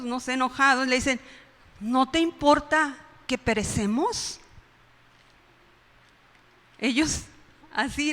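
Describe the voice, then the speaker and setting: A woman's voice: sits high, pushed and bright, in a large hall. A woman preaching a conversational sermon, often tossing in "¿verdad?" and laughing at her own retellings. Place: church hall.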